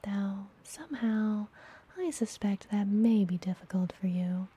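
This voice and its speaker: In an ASMR fantasy roleplay, a woman plays a witch healer who is friendly, mysterious and teasing, with a caring, gentle mood. She speaks in a soft, breathy whisper from a mid-range voice, slow, deliberate and soothing.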